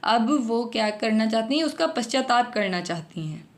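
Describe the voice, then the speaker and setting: A woman teaching a poetry lesson, with a voice pitched a little higher than most. She reads each verse aloud and then restates it in everyday conversational terms for her students. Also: expressive, moderate pace. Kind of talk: explaining a Hindi poem line by line.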